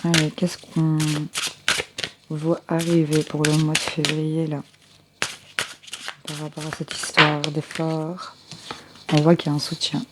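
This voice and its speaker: A woman's voice: deep voice, monotone, unhurried, long pauses, very noisy. A woman giving a general tarot reading for viewers through a close headset mic, speaking unhurriedly with frequent hesitations and restarts. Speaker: tarot card reader.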